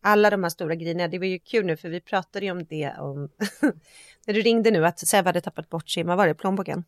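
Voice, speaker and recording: A woman's voice: on the low side, no echo, studio quality. A woman co-hosting a casual chat, agreeing often and musing aloud. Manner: chatty, agrees often and reflects on the topic. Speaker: podcast co-host.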